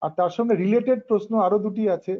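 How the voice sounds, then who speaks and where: A man with a Bengali accent poses careful questions and hesitates with fillers between phrases. His voice is fairly high. The sound is dull and lo-fi. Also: quick pace. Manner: thoughtful, hesitant, frequent ah fillers. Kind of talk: philosophical discussion. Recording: dull lo-fi recording.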